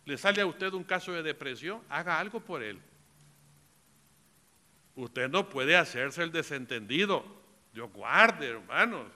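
A male pastor, preaching a sermon. He swings from low asides to loud, impassioned preaching and calls his listeners "brothers" after nearly every phrase. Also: animated, a little slow, pauses often. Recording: long hall reverb.

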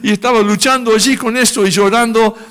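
A man, a pastor, preaching a testimony, speaking emotionally and lifting his voice high when he acts out his own prayers. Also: steady tone, fairly quick, fairly bright tone, clean tone. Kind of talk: sermon testimony.

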